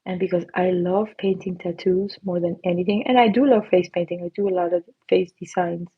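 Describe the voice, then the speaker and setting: Painting on a live stream, this face painter and host chats casually with her viewers, bubbly and giggly. Her voice is lowish, steady and slightly rough, she talks briskly, and the sound is phone quality.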